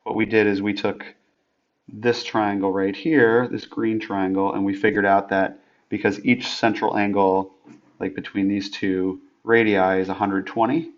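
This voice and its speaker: A man's voice: lowish voice, little pitch movement, unhurried, highs cut off. A man teaching a geometry lesson over a whiteboard screencast, thinking aloud with many restarts and fillers. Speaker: math teacher. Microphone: tablet microphone.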